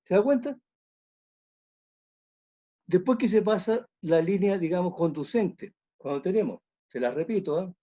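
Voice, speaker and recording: A man's voice: high-pitched, a little slow, pauses often, mellow, lo-fi sound. A man, an orchestra conductor giving an online music talk, explaining thoughtfully and repeating phrases as he thinks.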